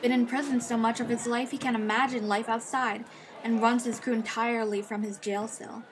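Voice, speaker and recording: A woman's voice: a little high, flat delivery, brisk, a little hiss or hum, lightly acted. A woman playing a brash, tough schoolgirl vigilante in a comic dub, matter-of-fact and foul-mouthed. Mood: cocky, eager. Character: brash, tough schoolgirl vigilante, fiercely devoted to late father. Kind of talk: comic dub narration and dialogue. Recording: music behind the voice.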